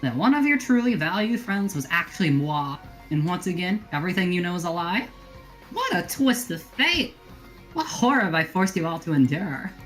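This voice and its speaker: A woman puts on a gleeful young villainess who mocks and gloats in a sing-song, dramatic lilt. Her voice sits low for a woman under the theatrics, with faint music playing behind her in this online role-play. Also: very animated, normal speed. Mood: mocking.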